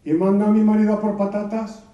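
A Spanish comedian from La Mancha rattles off one-liners to a live crowd, pitching up for the characters in his jokes. His voice sits a little high for a man. It comes from a distant mic in a very echoey hall, with a dull, muffled tone. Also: a little hiss or hum. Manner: quick, animated joke-telling, jumping into high voices for the characters. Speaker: stand-up comedian. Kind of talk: live stand-up jokes before an audience. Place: stage in a hall.

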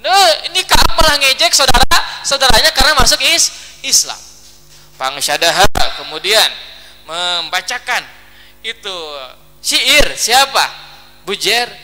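A man teaching a religious text, reading Arabic and explaining it in lively storytelling, often checking that listeners follow. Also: very high voice, long reverb tail. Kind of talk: kitab study lesson, translating Arabic text line by line.

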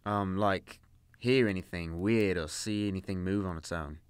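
A man's voice: low-pitched, normal speed, smooth, no echo, lightly acted. A man voicing a dry, sarcastic demon hunter.

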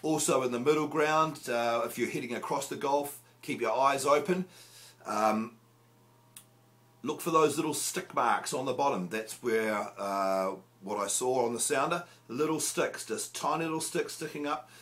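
A man's voice: mid-range voice, moderate pace, a bit bright. A man, hosting a casual fishing gear review in a small room, chatty and jokey with lots of filler "uh"s. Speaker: fishing show host. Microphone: camera close up at arm's length.

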